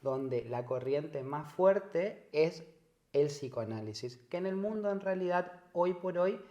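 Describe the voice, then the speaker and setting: Reflective Argentine man, slightly high voice. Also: lively intonation, a little slow, mellow, lo-fi sound. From northern Argentina. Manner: reflective, repeats words while searching for phrasing. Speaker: psychologist guest. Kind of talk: conversational interview. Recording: echoey room.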